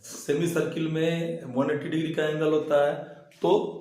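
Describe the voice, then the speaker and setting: A man with a sore throat and thick voice, speaking terms, explaining a drawing lesson slowly and step by step. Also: on the high side, level tone, darkish tone. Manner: slow, deliberate explaining. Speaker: engineering drawing teacher. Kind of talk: step-by-step lecture. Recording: very echoey room.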